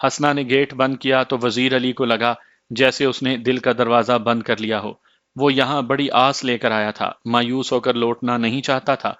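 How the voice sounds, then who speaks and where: A man reading a story aloud as narrator in a steady, measured way, in a slightly muffled dry recording. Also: mid-range voice, no room sound.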